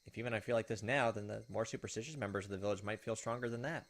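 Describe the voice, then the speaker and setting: This gaming video host has a lowish voice and races along, switching between reading a visual novel's text out loud and giving his personal reactions in casual let's play commentary.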